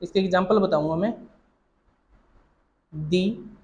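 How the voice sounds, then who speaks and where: A man's voice: sits high, slow, gravelly, a little mellow, muffled recording. A man teaching shorthand, explaining each point step by step, repeating himself and quizzing the listener.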